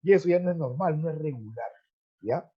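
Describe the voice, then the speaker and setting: A man's voice: fairly high pitch, lively intonation, brisk, husky. A male teacher explaining grammar in an online class, checking in often with his students and repeating words as he goes. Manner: repeats words while searching. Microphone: video call. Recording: dull lo-fi video call audio.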